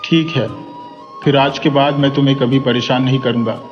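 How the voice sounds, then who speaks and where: A man's voice: mid-range voice, steady tone, moderate pace, close to an everyday voice. A man voicing an affectionate, playful young male professor in a storybook reading, coaxing and teasing. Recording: dull reverberant recording, soft music.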